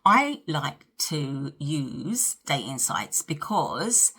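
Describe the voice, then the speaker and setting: A South London woman in her fifties hosts a get-ready-with-me vlog, chatting casually and directly to her viewers. Her deep voice is sing-song, sharp and breathy, and she speaks extremely slowly.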